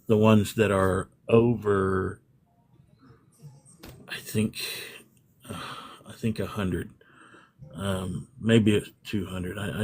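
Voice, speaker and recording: A man with a fairly low voice talks through his setup in a loose, meandering interview chat. He keeps circling back and restarting his thoughts as he explains things. It sounds like an easygoing conversation. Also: slight background noise. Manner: rambling explanations, frequent restarts. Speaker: livestream room owner, guest.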